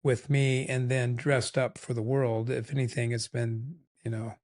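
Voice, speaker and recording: A man's voice: medium pitch, level tone, unhurried, darkish tone. An older man talks things over with his wife on their podcast. He is candid and meandering, and often laughs at himself as he goes. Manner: candid, rambling, self-deprecating. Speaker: podcast co-host. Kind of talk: casual chat.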